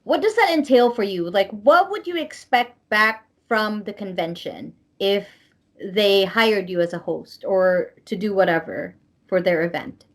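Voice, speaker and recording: Giggly woman interviewer, slow-spoken. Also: mid-range voice. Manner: giggly and emotional, laughs often. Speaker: interviewer and show host. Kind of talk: casual interview chat.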